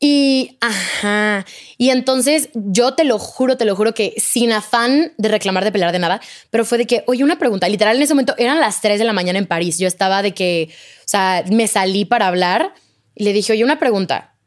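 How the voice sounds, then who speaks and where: A woman's voice: mid-range voice, normal speed. A young woman, telling a personal story in casual chat, full of fillers and quoted dialogue. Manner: animated, quotes others, many fillers like "de que" and "o sea". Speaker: podcast guest.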